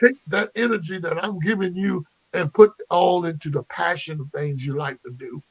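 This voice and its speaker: A man's voice: fairly high pitch, normal speed, husky, low-quality recording. A man talking like a life coach and motivational speaker, exhorting the listener and repeating his phrases for emphasis.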